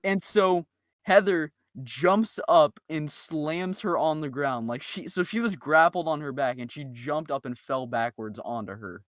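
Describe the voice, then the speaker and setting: On a group podcast, a man swaps anecdotes in loose, slangy language. His pitch is fairly high and his pace measured, and his fairly bright tone comes through a dry, clean studio recording.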